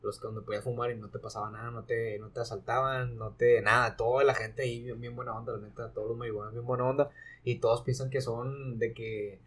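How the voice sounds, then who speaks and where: A young man with a Mexican accent telling an animated, slang-filled story in casual chat. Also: mid-range voice, fast. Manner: slangy, animated, acts out voices in anecdotes.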